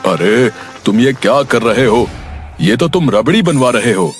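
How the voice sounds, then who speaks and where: Man voicing hot-tempered cartoon shopkeeper, scolding, very lively intonation, music behind. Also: mid-range voice, measured pace, close to an everyday voice. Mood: exasperated. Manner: scolding, exasperated. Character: short-tempered village sweet-shop owner. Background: background music.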